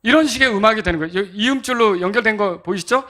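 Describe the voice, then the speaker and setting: Bright-voiced pastor teaching rhythm. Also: male voice, sits high, very fast. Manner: interactive, asks congregation to clap and answer; sings out beats to demonstrate rhythm. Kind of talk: sermon teaching on hymn rhythm.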